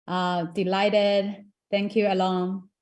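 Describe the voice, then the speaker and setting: A young woman from Taiwan hosts an online tech forum, greeting people and introducing the day. She sounds upbeat and chatty, with plenty of casual fillers. Her voice sits at a middle pitch. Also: little pitch movement, slow pace, a little mellow. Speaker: event moderator. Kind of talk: casual online event hosting.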